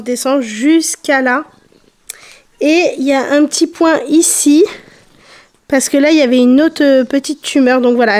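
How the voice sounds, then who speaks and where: A woman's voice: high voice, darkish tone. A woman vlogging casually to her viewers, talking in loose, hesitant asides and repeating herself. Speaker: family vlogger. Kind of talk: casual chatty vlog talk to viewers.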